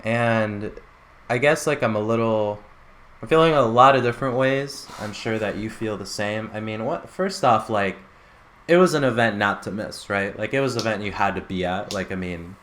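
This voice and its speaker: A man's voice: on the low side, moderate pace, fairly bright tone. A man hosting an esports results show in a casual, enthusiastic, informal way. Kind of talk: casual esports recap and co-host chat.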